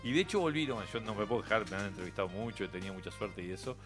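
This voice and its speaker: Over background music in a radio studio, a middle-aged Uruguayan-accented man chats as a guest and spins anecdotes. His voice is lowish with lively intonation, and he speaks rapid-fire. He's a chatty storyteller who laughs a lot and keeps restarting his sentences.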